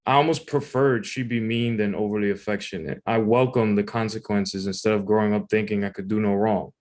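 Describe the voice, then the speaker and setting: A man's voice: fairly low pitch, steady tone, brisk, a little mellow. A man reading his own personal essay aloud in a conversational, informal way. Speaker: writer reading own submission.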